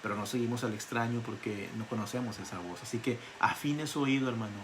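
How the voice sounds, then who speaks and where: A male pastor giving an online Bible study sermon, telling stories in an animated way and repeating words for emphasis. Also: mid-range voice, fast talker, noisy background. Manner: animated storytelling with emphatic repetition.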